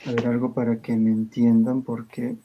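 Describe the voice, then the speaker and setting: A man on a live stream explaining liturgical languages in casual talk, pausing often to search for words and reading sample prayers slowly. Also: medium pitch, monotone, dull audio, noisy background.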